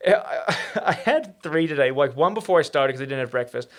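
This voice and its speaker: Man, podcast host, quick talker, lots of "um" and "like". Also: on the high side. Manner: fast, animated, lots of fillers and restarts. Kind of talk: casual podcast chat.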